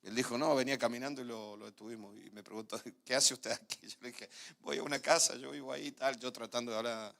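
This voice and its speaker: A man's voice: medium pitch, steady tone, quick pace, creaky. A man with an Argentine accent, a pastor telling a personal testimony during a sermon, laughing often as he tells the story. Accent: Argentine Spanish. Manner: storytelling, laughs often, dips quiet then rises.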